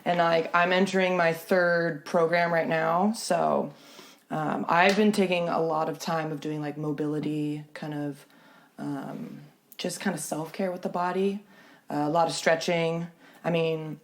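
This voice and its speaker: Low-voiced upbeat young woman athlete. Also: little pitch movement, a little slow. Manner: upbeat and chatty, lots of "like" fillers, frequent laughs. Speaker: pro beach volleyball player, podcast guest. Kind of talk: casual podcast interview.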